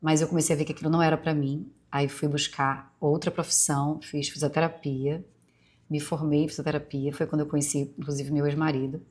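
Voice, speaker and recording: A woman in her forties hosts a podcast in a low, unhurried, flat voice, her Bahian Brazilian Portuguese accent softened by years in Rio. Her reflective monologue drifts through memories, full of asides and fillers, as though she were confiding in close listeners.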